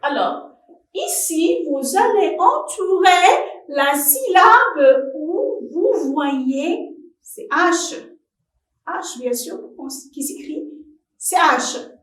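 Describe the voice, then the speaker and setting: A woman teaches a primary school French lesson for television, addressing young pupils with deliberate care. She speaks very slowly with a fairly high voice. The sound is roomy, with her voice a little off the microphone. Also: lively intonation, a bit bright. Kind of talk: slow televised classroom lesson. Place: classroom or studio for televised distance teaching. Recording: roomy echo, voice from a distance.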